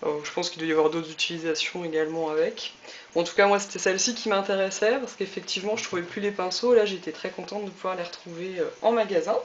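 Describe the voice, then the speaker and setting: A woman's voice: lowish voice, steady tone, fast, dull audio, a little hiss or hum. A woman hosting a casual craft tutorial, chatting through each step with lots of fillers. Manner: chatty, many fillers and little "hop" cues. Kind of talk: casual demonstration.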